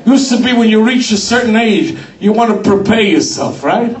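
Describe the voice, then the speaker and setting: A man's voice: high voice, animated, moderate pace. A man telling a comic story on stage and mixing dialect into broken English. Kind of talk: stand-up storytelling. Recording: roomy sound from a distant mic.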